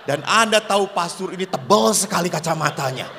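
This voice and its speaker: Male priest, high animated voice, joking sermon, long hall reverb. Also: fairly quick, gravelly, noisy background. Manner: jokey storyteller acting out dialogue. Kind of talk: humorous sermon with storytelling.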